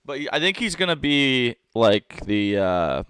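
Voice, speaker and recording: A man's voice: mid-range voice, sing-song, measured pace, fairly bright tone, smooth, no room sound. A young man co-hosting a casual sports chat, laid-back and jokey with slangy asides. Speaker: co-host.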